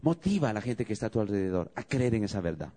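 A man's voice: fairly low pitch, very animated, fast talker, warm tone. A man preaching a sermon as pastor, calling out questions to the congregation and leading prayer with rising emphasis.

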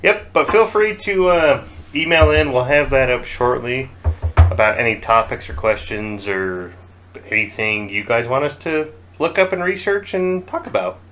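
A man co-hosting a casual podcast, relaxed and teasing, with casual swearing. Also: mid-range voice, moderate pace, slight background noise. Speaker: podcast co-host. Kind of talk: casual chat.

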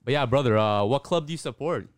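A man's voice: mid-range voice, lively intonation, fast, clear, resonant tone, dry recording, clean studio sound. A man in his twenties hosting a podcast, bantering in laid-back slang. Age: 20s. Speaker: podcast host. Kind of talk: casual chat.

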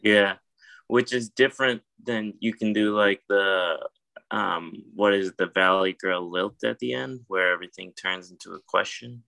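A man co-hosts a casual podcast with a low, gravelly voice. He talks hesitantly and fills his sentences with ums and likes. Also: moderate pace, pushed and bright, no room sound, poor audio. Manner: hesitant, filler-heavy. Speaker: podcast co-host. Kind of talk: casual chat.

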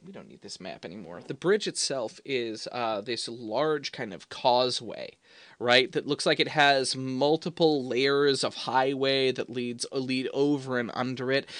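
A man's voice: mid-range voice, fairly bright tone, no echo. A man narrating as game master of a tabletop game, rambling and correcting himself as he goes.

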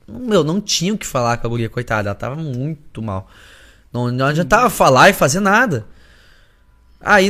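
A young adult man and singer, telling a story in a casual podcast chat, animated and full of slang. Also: fairly high pitch. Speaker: singer and musician, podcast guest.

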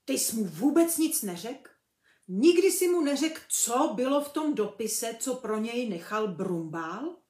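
A woman reading a children's book aloud, voicing a huge, blunt male gamekeeper in loud, folksy speech. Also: a little high, animated, echoey room, pitched above the performer's own voice. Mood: furious.

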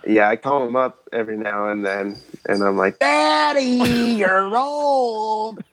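A man's voice: lowish voice, steady tone, brisk, a bit bright, no echo. A man chatting and debating casually and slangily as a podcast co-host.

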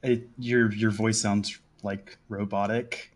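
A man's voice: lowish voice, little pitch movement, slow. Hesitant male caller thinking aloud. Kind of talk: casual call-in.

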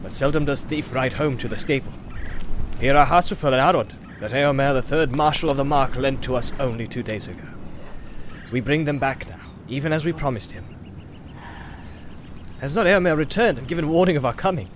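A man's voice: medium pitch, a little fast, slight background noise, pitched above the performer's own voice, lightly acted. A man voicing a bold male ranger who speaks firmly and formally. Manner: firm, earnest, formal speech.

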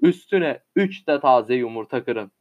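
A man's voice: mid-range voice, lively intonation, unhurried. A man reading a humorous satirical story aloud, in a dry, wry manner, on a muffled lo-fi recording.

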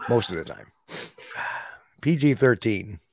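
A man hosting a show in casual, joking chat, with a halting, teasing way of talking. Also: lowish voice, lively intonation, a little mellow, slightly rough, no echo, clean studio sound. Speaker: show host.

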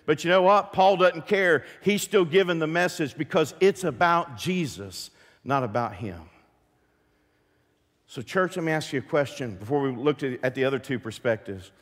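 A pastor preaching a sermon to his church, lively and full of questions to the congregation. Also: fairly high pitch, normal speed, big-room sound. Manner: animated, asks the congregation many questions. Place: church sanctuary.

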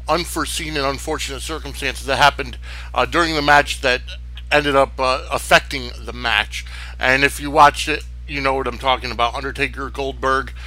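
A man's voice: on the high side, sharp tone, low-quality recording. A man hosting a sports podcast solo, talking casually in a rambling, opinionated way. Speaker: sports wrestling podcast host.

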